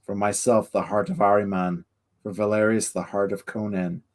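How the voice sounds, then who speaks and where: A man reading as a cold, monotone sorcerer. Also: close to an everyday voice. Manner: slow, low, flat dramatic reading. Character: cold, calm male sorcerer-assassin, monotone. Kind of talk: reading a novel's dialogue aloud.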